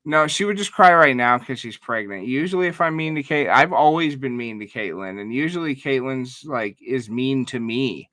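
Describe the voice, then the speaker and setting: A man's voice: medium pitch, animated, normal speed, few pauses, sharp tone, no echo. A man in his thirties co-hosting a podcast, talking in a crude, joking way and swearing a lot. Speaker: podcast co-host. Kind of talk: casual crude chat.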